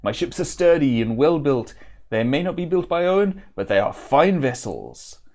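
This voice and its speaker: A man acts out a gruff old fisherman type, a salty shipwright in a fantasy game. He hawks his wares in archaic speech, pitched a little up. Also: sing-song, moderate pace, darkish tone. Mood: gruff, businesslike.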